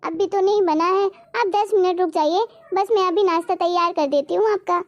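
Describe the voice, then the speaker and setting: A woman's voice: very high voice, moderate pace, muffled recording. A woman voicing an anxious young daughter-in-law who apologizes and tries to please. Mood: apologetic. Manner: soft, apologetic.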